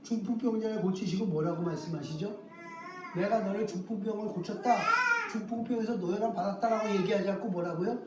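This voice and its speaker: A man's voice: high voice, fairly quick, noisy background. A male pastor preaching a sermon, asking rhetorical questions and answering them himself, stretching out key phrases for emphasis. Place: church sanctuary. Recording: roomy, distant mic with faint ambience.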